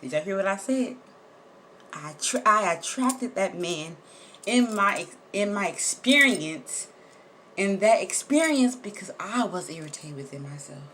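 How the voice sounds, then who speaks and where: A woman telling a personal story straight to her viewers, animated and emphatic, repeating words for effect and swearing casually. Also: medium pitch, unhurried, slight background noise. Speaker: vlogger.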